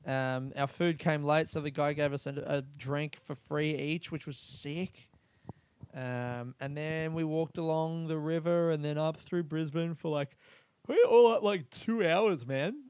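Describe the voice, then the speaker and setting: A podcast host with a fairly high, smooth voice rambles through a casual comedic monologue at an unhurried pace. He's crude and animated, swearing a lot and laughing often at his own jokes as he tells his stories. The recording has no echo.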